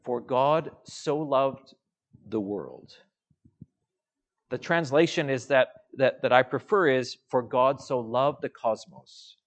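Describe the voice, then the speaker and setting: Slow, measured male preacher. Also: medium pitch. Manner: slow, measured, with soft trailing phrase endings. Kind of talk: sermon.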